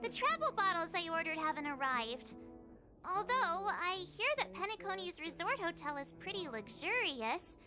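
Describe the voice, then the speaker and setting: A woman voicing a bubbly, excitable young girl navigator in a video game, with a perky, expressive delivery. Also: very high-pitched. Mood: chatty, fretting. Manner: perky, expressive, drawn-out words. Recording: music behind the voice.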